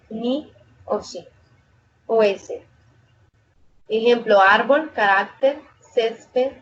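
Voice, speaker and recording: A woman tutor giving an online lecture on spelling rules. She reads slides aloud, works through lists of example words and corrects her own slips as she goes. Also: on the high side. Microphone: video call microphone. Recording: dull lo-fi video call audio with faint noise.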